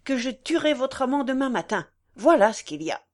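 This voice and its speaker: A woman's voice: high voice, very animated, a little fast, a little mellow. A woman reading the part of a brutal, mocking aristocratic husband in a storybook, with blustering, harsh delivery. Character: brutal sneering aristocratic husband, middle-aged man.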